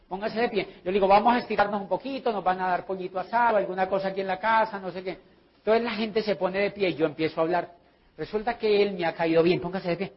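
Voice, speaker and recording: Husky high-voiced Colombian man. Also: muffled recording. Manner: lively storyteller acting out his dialogues. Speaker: sales trainer. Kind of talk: training talk with anecdotes.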